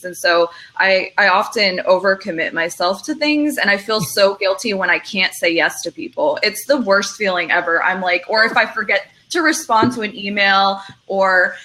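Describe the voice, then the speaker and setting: A woman's voice: fairly low pitch, moderate pace, hardly any pauses, sharp tone, low-quality recording. A woman speaking in a chatty, rambling way full of fillers as a panelist in a casual online discussion.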